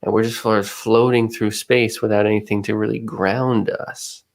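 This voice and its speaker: Gravelly low-voiced man musing on a podcast. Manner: thoughtful, musing, searching for words. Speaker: podcast co-host. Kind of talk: casual podcast chat.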